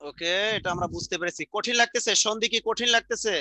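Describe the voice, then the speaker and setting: A middle-aged man teaching an exam-prep grammar lesson, repeating sounds slowly and quizzing the class. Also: high-pitched, pushed and bright, dry recording. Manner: repetitive, drills sounds out slowly, asks the class questions.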